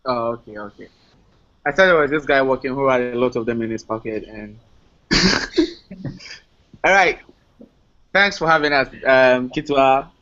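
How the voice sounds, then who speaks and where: A man's voice: medium pitch, a bit bright. A man hosting a casual online discussion, upbeat and friendly, often laughing. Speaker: host. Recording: dull lo-fi online call audio.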